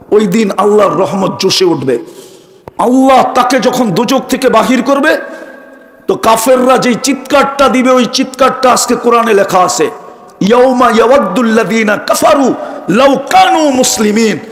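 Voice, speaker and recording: A man's voice: high-pitched, moderate pace, a bit bright. A man preaching a sermon, fervent and full of rhetorical questions put straight to his listeners. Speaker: Islamic preacher. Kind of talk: sermon to a live audience.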